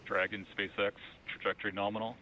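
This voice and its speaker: A man working as a flight controller, giving clipped, flat mission control callouts over a crackly space radio loop. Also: lowish voice, a little fast. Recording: dull distant radio feed.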